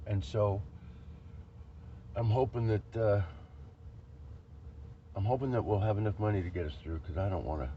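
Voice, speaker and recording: A man vlogs from his car, rambling and emotional as he restarts his thoughts. His voice sits a little low. The recording is muffled and lo-fi, with faint road noise underneath. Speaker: vlogger. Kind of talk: casual vlog monologue. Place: in a vehicle on a road trip.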